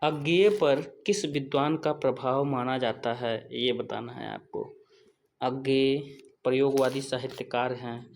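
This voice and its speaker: A man with a mid-range voice tutors for a Hindi exam, quizzing himself aloud and saying each answer twice. There's a little hiss or hum on the audio.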